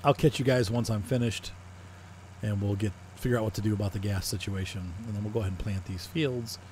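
A man's voice: lowish voice, steady tone, brisk, a little mellow, a little hiss or hum. A man casually talking through a farming simulator playthrough, thinking aloud with frequent fillers. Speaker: gaming video host. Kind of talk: casual farming-sim commentary.

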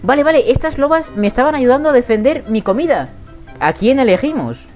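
A young man with a Spain Spanish accent, doing excitable game commentary and shouting at animals in the game. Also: very high voice, brisk, highs cut off, soft background music. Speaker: gaming youtuber.

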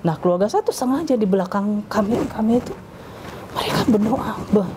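A woman guest in a casual interview, telling her life story in a lively way and acting out what others said. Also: mid-range voice, a little fast, noisy background.

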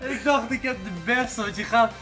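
A man's voice: very high-pitched, normal speed, pushed and bright, faint music behind. A man in his twenties bantering casually as a vlogger's friend. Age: 20s.

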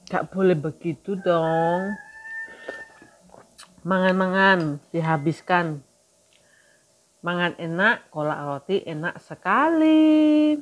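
A woman's voice: on the low side, animated, slow, long pauses, lo-fi sound. A woman, chatting casually in a home cooking vlog, teasing and scolding someone to finish eating. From Suriname.

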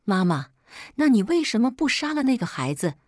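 A woman's voice: a little high, big pitch swings, fairly quick, dry recording, clean studio sound, voice pushed up. A woman voicing a spoiled, scheming six-year-old girl in a childlike, pleading way.

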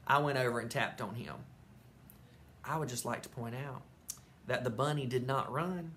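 Animated storyteller reading to a class. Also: medium pitch, normal speed, a little hiss or hum. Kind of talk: reading a children's book aloud. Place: elementary school.

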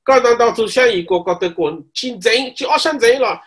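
A man's voice: extremely high pitch, expressive, a little fast, fairly bright tone. A man teaching a course on ritual language, reciting verse lines, explaining them and often checking that listeners follow, with English words mixed in. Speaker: cultural course instructor.

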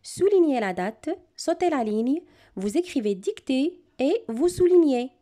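A woman teacher leads a dictation in a slow, deliberate way, repeating each word twice so children can write it down. Her voice sits a little high and mellow, and it rises and falls a lot as she stresses the syllables. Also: expressive. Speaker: primary school teacher. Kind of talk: classroom dictation lesson.

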